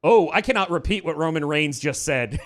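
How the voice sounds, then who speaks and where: A man's voice: a little high, expressive, normal speed. A man co-hosting a casual live-stream podcast, joking and laughing easily while watching wrestling. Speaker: podcast co-host.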